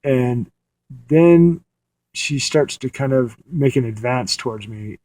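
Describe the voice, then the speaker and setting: A man's voice: mid-range voice, slow pace, darkish tone, no echo. A man recounting a dream in a casual, meandering way, often restarting his sentences, sitting in a parked car at night. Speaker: audio diarist.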